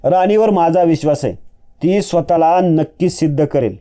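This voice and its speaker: A man's voice: fairly high pitch, moderate pace, dark tone, lightly acted. A man voicing a kindly older father-in-law who argues patiently and persuasively.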